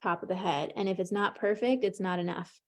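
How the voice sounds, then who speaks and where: A woman with a medium-pitched voice coaches an EFT tapping session at a slightly quick pace. She names the tapping points and offers short phrases for her client to repeat, staying calm and encouraging the whole way through.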